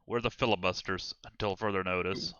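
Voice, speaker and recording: A man playing a tabletop game, chatting in a lively, joking way. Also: low-pitched, brisk, clear, resonant tone, dry recording, highs cut off. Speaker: player. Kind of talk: casual tabletop game chat.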